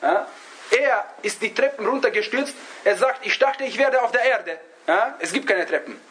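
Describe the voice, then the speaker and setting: High-voiced man teaching, halting delivery. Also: lively intonation, a bit bright, poor audio. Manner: halting, searches for words, often adds a questioning "ja?". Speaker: religious teacher. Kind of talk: religious lesson, storytelling to a class.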